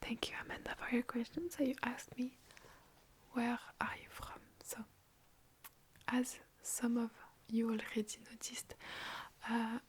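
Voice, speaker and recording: A young French woman with a French accent, an ASMR creator, answers viewer questions from her bedroom in a phone-recorded video. She whispers softly in an unvoiced, rambling, chatty way, a little high with little pitch movement and an unhurried pace.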